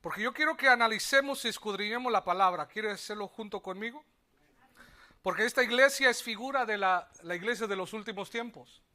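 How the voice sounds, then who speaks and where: A man with a Mexican Spanish accent preaching a sermon, swinging between loud exclamations and quiet asides and calling on the congregation to repeat after him. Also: high voice, a little fast. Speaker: pastor.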